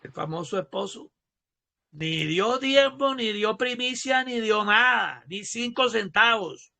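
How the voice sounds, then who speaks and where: A male pastor giving a Bible teaching sermon, speaking slowly and emphatically and repeating key phrases. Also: high-pitched, expressive, vocal fry, pushed and bright.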